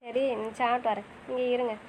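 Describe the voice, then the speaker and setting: Pleading, quick, high-voiced woman. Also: flat delivery, a little mellow, a little hiss or hum, rough recording. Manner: pleading, questioning. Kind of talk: casual audio drama acting.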